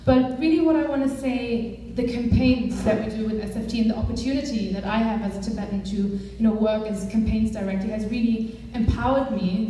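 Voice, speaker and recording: This is a far-off recording of a young German woman speaking to a live audience in a large hall with heavy echo. She's a campaigns director, and her earnest, conversational delivery is packed with fillers. Her voice is warm, mellow and a touch high, with a little hiss or hum in the background.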